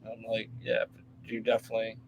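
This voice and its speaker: A man's voice: fairly low pitch, completely flat delivery, fast talker, creaky, muffled recording, slight background noise. Laughing, profane travel vlogger man. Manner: loose and profane, laughs often. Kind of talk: casual chat.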